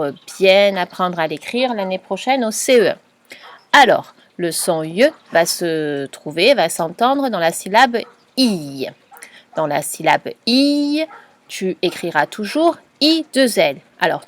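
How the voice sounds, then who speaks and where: A woman teacher talks a young child through spelling rules at a slow, patient pace. She spells out letters one at a time and repeats each point. Her voice is recorded dry and close, with no room sound. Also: mid-range voice, dry recording. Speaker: primary school teacher.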